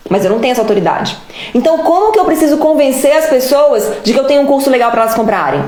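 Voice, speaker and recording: A woman's voice: sits high, big pitch swings, rapid-fire, a little mellow, roomy sound. A woman hosting a live stream, giving blunt relationship advice and scolding her listeners directly. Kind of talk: casual live advice monologue.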